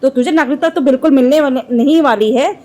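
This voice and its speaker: A woman's voice: high-pitched, fast talker, warm tone. A woman vlogger delivering an angry reaction commentary, scolding and mocking with insults.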